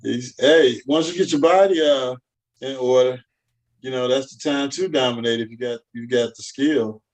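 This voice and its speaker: A middle-aged man trading blunt basketball opinions in an easygoing tone, cursing freely. His pitch is ordinary and his delivery relaxed and conversational. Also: moderate pace, low-quality recording. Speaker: co-host. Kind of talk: casual sports talk.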